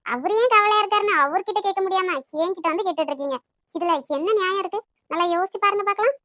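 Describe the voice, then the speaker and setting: A woman voicing a sharp-tongued young cartoon woman. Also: very high-pitched, no room sound. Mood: scolding. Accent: Nagercoil Tamil. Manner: quick, scolding, teasing. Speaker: voice actor for an animated love story. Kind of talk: cartoon voice acting.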